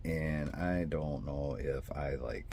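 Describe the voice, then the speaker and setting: A very deep, darkish voice with fairly even intonation comes from a man speaking slowly over slight background noise. A father with sinus trouble, he sounds congested and nasal, with a twang. He rambles in his scale-model hobby vlog, breaking off, apologizing and restarting sentences.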